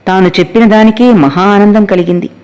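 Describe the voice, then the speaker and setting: A man narrating a novel as an audiobook in a measured, steady storytelling manner. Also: high voice, clear, resonant tone.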